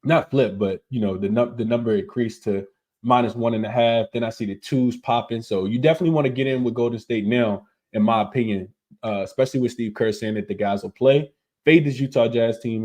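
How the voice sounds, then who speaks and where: Hosting a laid-back sports betting show despite losing his voice, a man talks viewers through his picks, leaning on fillers, repeating words and tossing in quick asides. He has a mid-range, darkish voice with fairly even intonation.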